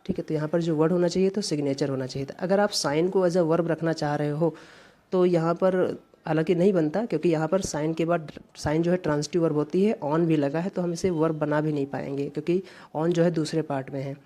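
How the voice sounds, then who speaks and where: A woman's voice: low voice, steady tone, brisk, warm tone. A woman from India explaining English grammar step by step in an exam-prep lesson, repeating key words. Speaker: English teacher.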